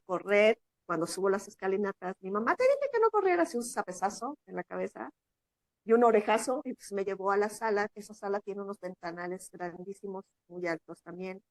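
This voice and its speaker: A Mexican woman speaks as an interview guest, telling a story with lively energy and slipping into higher voices for the people she quotes. Her voice sits at a middle pitch. It sounds close and dry, with hardly any room around it. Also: dry recording.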